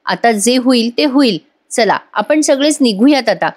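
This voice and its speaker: Woman reading a gentle young heroine, soothing and composed. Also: a little high, animated, a little slow. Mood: calm. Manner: soothing, resigned.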